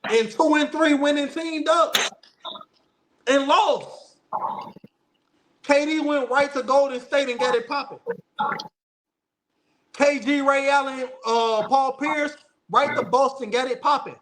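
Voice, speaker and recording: A man's voice: very high voice, fairly even intonation, slow pace, pauses often, a bit bright, poor audio. A man hosting a casual basketball debate show, giving opinions emphatically and insistently, repeating phrases for stress. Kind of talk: opinionated casual sports talk.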